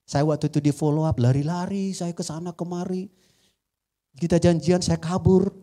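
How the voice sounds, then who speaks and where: A male pastor with a Batak-tinged Indonesian accent preaching a sermon to a congregation, joking and swinging between loud emphasis and quiet asides. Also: on the high side, fairly even intonation, normal speed. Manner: often addresses the congregation as "saudara". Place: church before a congregation.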